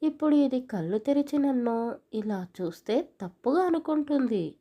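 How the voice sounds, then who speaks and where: A woman's voice: high-pitched, animated, moderate pace, dark tone, muffled recording. A woman voicing a brusque, impatient young husband in an audio story, with curt, scolding lines. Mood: fretful.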